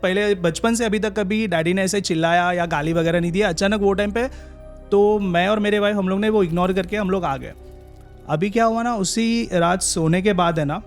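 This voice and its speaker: Quiet, soft music runs under a podcast guest, a young man whose voice is notably high. He shares a personal story casually, often stopping for long pauses and starting over.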